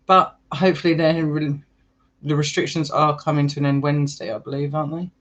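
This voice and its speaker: A man's voice: on the high side, little pitch movement, brisk, a bit bright, muffled recording. A young English man with an English accent, a vlogger chatting casually with viewers in a rambling way and laughing often. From England. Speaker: urban exploring vlogger. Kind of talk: casual live chat with viewers.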